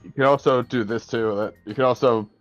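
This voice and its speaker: A man's voice: medium pitch, fairly even intonation, a little fast, soft background music. A man rambling and hesitating as a tabletop game player on a voice call. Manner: rambling, hesitant, many fillers. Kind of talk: casual chat on a voice call. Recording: dull lo-fi call mic.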